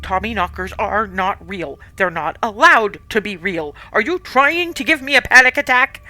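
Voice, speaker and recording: Jittery young woman in a story game, panicky and dramatic, bright lively delivery, played by a woman. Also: mid-range voice, normal speed, soft background music, voice pushed up. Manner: panicky, spiraling worry.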